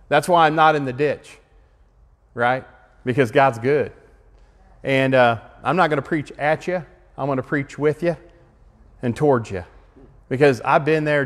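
A man pastor giving an earnest, emotional testimony sermon that rises to fervent exhortation. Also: mid-range voice. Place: meeting hall. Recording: long reverb of a meeting hall.

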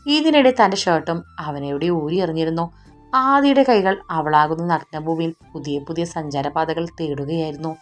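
Woman narrator for a romance audiobook: soft, even delivery, lowish voice, faint music bed. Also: normal speed. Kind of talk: scripted romance story narration.

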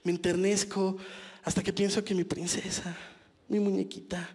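Here a Mexican comic in his 30s does a stand-up set on a small club stage, using a handheld mic and a casual, self-deprecating manner with crude slang. His voice is high, a little mellow and flat in delivery, at a moderate pace, with a long reverb tail.

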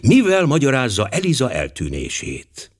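A man voicing a fastidious, courteous male detective in an audiobook, formal and measured. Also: mid-range voice, wildly swooping pitch, voice pushed up. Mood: courteous questioning.

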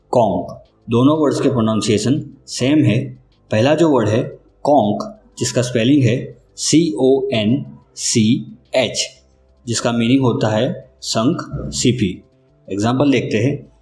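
A man teaches vocabulary in a slow, unhurried, deliberate way, spelling each word out letter by letter. His voice rings in a roomy, echoey space, with soft music playing underneath. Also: medium pitch. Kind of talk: scripted vocabulary lesson. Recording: roomy echo with faint music.

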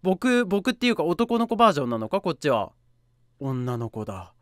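A woman playing a game and talking through it, reading the on-screen text aloud, dropping to soft murmurs and then jumping up to sudden high squeals. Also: big pitch swings, brisk, no echo, studio quality. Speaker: game streamer. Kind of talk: let's play commentary.

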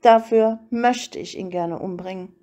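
A woman reading the lines of a calm, tender young male vampire in a storybook audiobook, in a soft, even voice. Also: mid-range voice, unhurried, close to an everyday voice. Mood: gentle.

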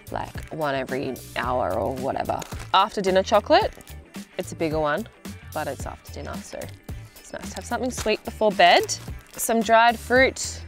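A young Australian woman chats easily to the camera while sitting outdoors in the bush. Her voice sits low for a woman and she drops in plenty of ums. Soft music plays quietly in the background. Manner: relaxed, chatty, frequent ums. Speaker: hiker presenting gear video. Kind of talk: casual explanation to camera. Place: outdoors in open bushland.

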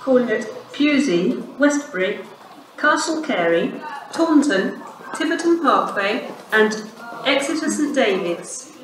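Over station loudspeakers, a woman's automated railway announcements come through, measured and formal with clearly spaced words, though her voice is on the high side and animated. The recording was made from far off, so the platform speakers sound echoey, and the station ambience makes for a noisy background.

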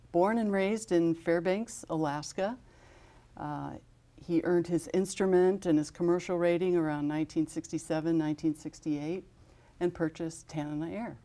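On the low side and mellow, her voice carries an American accent; she's in her fifties. As an aviation safety foundation guest in a TV studio, she names honorees in a steady, informative way, frequently using fillers.

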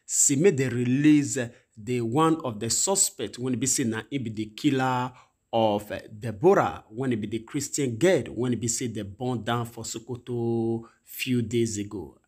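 Male host, Nigerian Pidgin accent, husky, rambling news voice-over. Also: medium pitch, normal speed, a little mellow. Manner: rambling, repetitive phrasing. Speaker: channel host.

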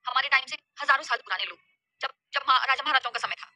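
A woman's voice: high-pitched, quick pace, sharp tone, no room sound. A woman voicing an impulsive lovestruck young man who stammers and pleads. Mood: hesitant.

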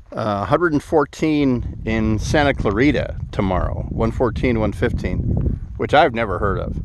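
Outdoors at a desert wind farm, a middle-aged man vlogs to a phone held at arm's length, dry and sarcastic and full of "uh" fillers. His voice is lowish, with slight background noise.

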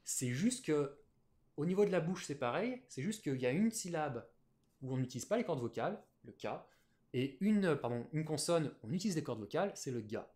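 A man's voice: on the high side, sing-song, moderate pace, darkish tone. A man teaching a Japanese lesson on a live stream, explaining patiently with many fillers.

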